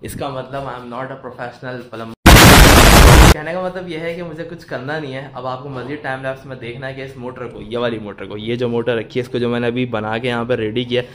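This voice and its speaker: A man's voice: mid-range voice, fairly even intonation, a little fast, background noise. A man in his thirties from Pakistan, chatting casually to viewers in a home vlog while working on a water pump. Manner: chatty, addresses viewers as brothers. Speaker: vlogger. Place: home rooms and utility corner, indoors. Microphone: phone camera at arm's length.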